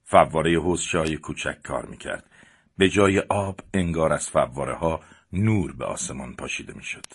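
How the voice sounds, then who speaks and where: A man narrating a story as an audiobook. He reads plainly and raises his voice for the characters' lines. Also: breathy edge. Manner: reads plainly and shifts up in pitch and loudness for the characters. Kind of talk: audiobook narration voicing the dialogue.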